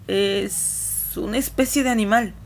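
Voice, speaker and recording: A woman's voice: medium pitch, fairly even intonation, a little slow, slight background noise, close to an everyday voice. A woman voicing an older girl in a storybook reading, speaking in urgent, alert calls. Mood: calm. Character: young girl, watchful and urgent.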